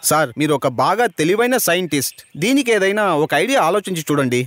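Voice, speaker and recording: In a dubbed cartoon, a man voices a jumpy, talkative driver who is fussy, panics easily and always calls his boss "sir." His voice is high and fairly bright, with big pitch swings and fast delivery, recorded with no echo. A music bed plays under the dialogue.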